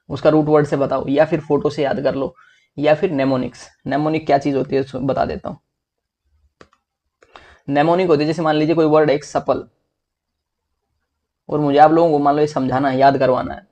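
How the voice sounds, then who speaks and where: A young man teaching English vocabulary for exams in a lively, chatty way, often calling his listeners "bhai". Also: on the high side. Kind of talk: exam-prep vocabulary lesson.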